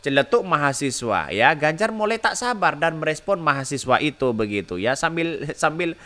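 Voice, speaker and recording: A man's voice: fairly high pitch, very animated, moderate pace, pushed and bright. A man hosting a solo political commentary podcast, talking in a mocking tone and tagging nearly every phrase with filler. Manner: mocking, with repetitive filler tags.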